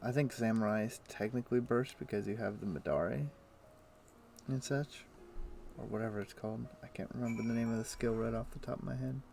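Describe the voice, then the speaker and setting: A man with a mid-range, creaky voice streams a video game, speaking fairly quickly as he chats casually and thinks aloud with lots of fillers. Soft game music plays faintly in the background.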